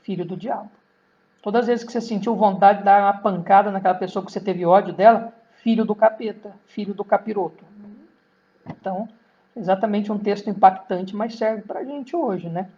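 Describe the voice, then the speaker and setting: A Brazilian man in his thirties preaches as a pastor in a loose, colloquial way. He slips into whiny voices to mimic complaining churchgoers. His fairly high voice comes through a dull, lo-fi online stream. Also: a little fast, warm tone. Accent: Brazilian Portuguese. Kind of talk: sermon.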